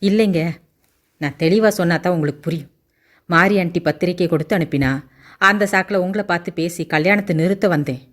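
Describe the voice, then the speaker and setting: A woman's voice: lowish voice, fairly quick, close to an everyday voice. A woman voicing a nervous, polite young man pleading on his sister's behalf in a Tamil audiobook. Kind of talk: audiobook character voice.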